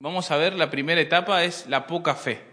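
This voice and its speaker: A man preaching a sermon, addressing the congregation as brothers and often pausing on rhetorical questions. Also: a little high, bright, forceful tone. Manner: repeats and restarts phrases while preaching. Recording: hall reverb.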